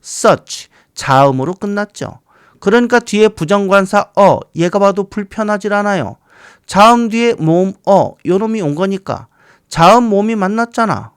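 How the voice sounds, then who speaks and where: A middle-aged man teaching English grammar in a recorded lecture, playful, talking to words as if they were people and reading English examples slowly. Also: sits high, clear, resonant tone, no echo, studio quality. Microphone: close studio mic, voice-over.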